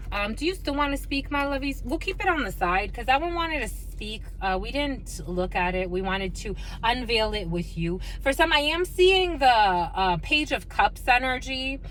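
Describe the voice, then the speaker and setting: A woman's voice: fairly high pitch, a bit bright. Woman giving a card reading, noisy background. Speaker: tarot card reader, channel host. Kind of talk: intuitive card reading addressed to viewers.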